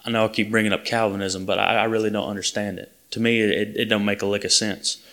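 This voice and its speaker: A man delivers a sermon to his congregation. His slightly low voice carries an earnest, plain-spoken manner. He often stops and restarts mid-sentence. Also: little pitch movement, quick pace, fairly bright tone. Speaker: preacher.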